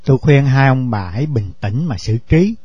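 Brief: a man playing an unhurried older official, husky voice, slow and measured, dry dull lo-fi storybook recording. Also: medium pitch, expressive, no echo. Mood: calm. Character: calm older male district official.

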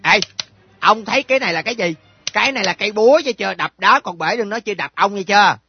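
An actor playing a brash young sidekick thug who makes loud threats. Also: male voice, high voice, expressive, quick pace. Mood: threatening. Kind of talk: radio drama acting. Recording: dull lo-fi recording with clear music.

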